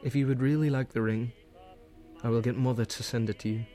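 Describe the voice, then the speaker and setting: An actor giving a gentle, earnest reading as a young soldier writing love letters to his sweetheart from the front. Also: medium pitch, steady tone, fairly quick, faint music behind, close to an everyday voice. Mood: tender. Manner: earnest, gentle, softly intimate.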